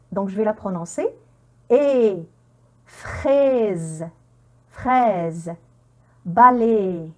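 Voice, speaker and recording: A woman teaching pronunciation in an online lesson, repeating words slowly and quizzing the viewer with encouraging checks. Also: a little high, mellow, husky. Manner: encouraging, with frequent "hein?" checks.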